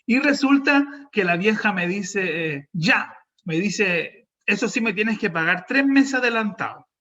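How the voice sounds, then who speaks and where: A man's voice: sits high, a little slow, muffled recording. A young adult man with a Chilean accent preaching a sermon, telling a personal story and acting out the dialogue. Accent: Chilean Spanish. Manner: animated storytelling, acts out dialogue. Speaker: pastor.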